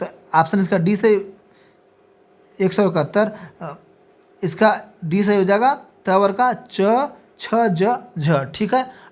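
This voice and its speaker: Woman, teacher, exam practice lecture, reads out options, confirms each answer. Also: mid-range voice. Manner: repeats a checking "ठीक है" after each answer.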